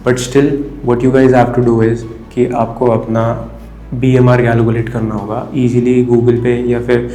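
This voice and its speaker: A man's voice: mid-range voice, level tone, slow pace, warm tone. A young man, mixing Hindi and English as he explains his fat-loss diet step by step in a casual vlog. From India. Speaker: fitness vlogger. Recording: roomy with faint music.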